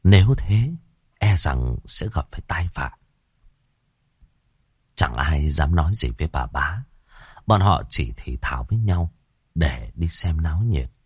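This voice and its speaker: A man narrating a ghost story in a dramatic, expressive, deliberate way. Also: rumbling low, breathy edge, dry recording, studio quality.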